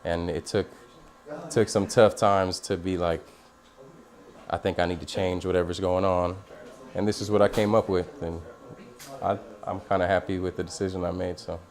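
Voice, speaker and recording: Sitting low and a little mellow, this San Diego man's level voice keeps a moderate pace as he chats easily in a documentary interview. He's a barbershop owner in his thirties, recorded with a lapel mic in his busy shop, with the noise of the place audible behind him.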